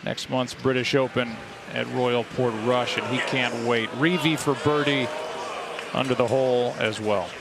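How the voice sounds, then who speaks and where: Guy doing golf commentary, short measured calls, mid pitch, loud crowd and outdoor noise behind him. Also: steady tone, gravelly. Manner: measured, terse descriptive phrases. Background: golf tournament crowd, outdoor ambience.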